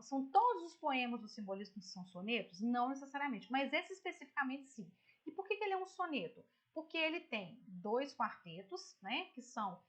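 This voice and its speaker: A woman teacher with a Brazilian Portuguese accent explains a poem in an online lesson, chatty and explanatory, often checking in with "tá?" and "né?". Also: fairly high pitch. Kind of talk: online literature lesson, screen-share explanation.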